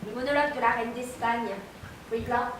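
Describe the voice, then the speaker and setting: An actress playing a tipsy woman who declaims rehearsal lines slowly, then chats flatly. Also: a little high, lightly acted. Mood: rehearsing. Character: tipsy woman rehearsing a tragic queen role. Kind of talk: stage comedy scene. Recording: distant mic in an echoey theatre, audience noise.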